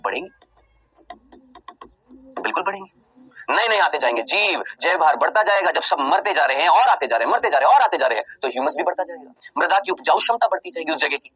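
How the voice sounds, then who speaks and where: A man leads a biology exam-prep lecture, asking rhetorical questions he answers himself, slowly repeating key terms for emphasis, and playing his students' replies. His voice is on the high side and fairly bright, with lively intonation, and the audio is poor.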